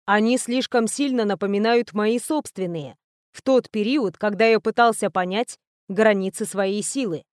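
A woman's voice: mid-range voice, normal speed, no room sound, clean studio sound, close to an everyday voice. A woman reading an earnest young knight. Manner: quiet, serious, pleading. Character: earnest, lovesick young male knight-mage. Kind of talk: audiobook character reading.

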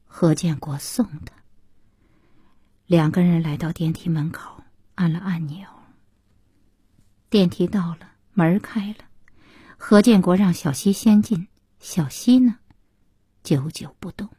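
A woman narrating an audiobook in a slow, soft and intimate way. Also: fairly low pitch, husky, no room sound, clean studio sound.

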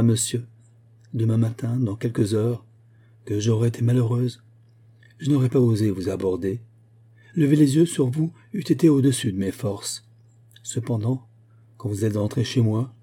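A man's voice: mid-range voice, moderate pace, pauses often, warm tone, husky, lightly acted. A man voicing a remorseful young noblewoman who pleads earnestly with her husband in an audiobook reading. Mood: confessing.

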